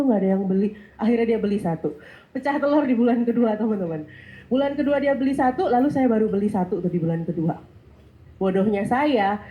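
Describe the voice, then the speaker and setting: Woman, fairly high voice, stuffy nose, lively storyteller, testimonial talk. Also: narrow, tinny audio. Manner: lively storytelling, acts out dialogue. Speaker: sales testimonial speaker. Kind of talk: motivational testimonial speech. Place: event hall.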